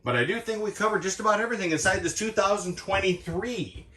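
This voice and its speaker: A man giving a chatty, quick sales walkthrough inside a travel trailer, tossing in playful sound-effect asides. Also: high voice, sharp tone. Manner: talks quickly, cramming in details. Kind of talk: product walkthrough tour.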